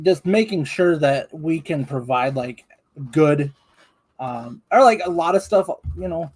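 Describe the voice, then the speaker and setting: A man's voice: on the high side, darkish tone, husky. A man co-hosting a live stream in casual chat, talking in a rambling, hedging, conversational way.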